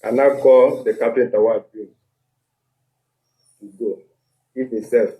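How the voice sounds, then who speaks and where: A man's voice: medium pitch, steady tone, measured pace, lo-fi sound. A man with a Nigerian accent speaks Nigerian Pidgin mixed with English, giving a step-by-step complaint as a tenant into a handheld microphone. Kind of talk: step-by-step account of a grievance. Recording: echoey room, handheld microphone.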